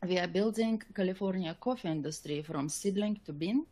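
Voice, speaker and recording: This woman scientist's voice is fairly low and mellow as she works through a technical slide lecture for a webinar. She speaks haltingly, with noticeable hesitation.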